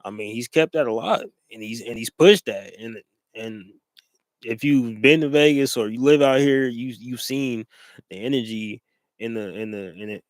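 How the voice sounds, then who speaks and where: A man's voice: mid-range voice, no room sound. Rambling man co-hosting sports talk. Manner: rambling, with many fillers and restarts.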